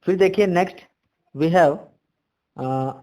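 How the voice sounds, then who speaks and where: A man with an Indian English accent teaching a grammar lesson, reading English rules out slowly and then explaining them quickly in between. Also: sits high, mellow.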